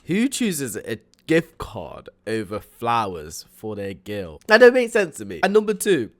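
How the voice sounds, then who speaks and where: A man giving casual reaction commentary on a video, halting and incredulous. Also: mid-range voice, fairly bright tone. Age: older than young adult.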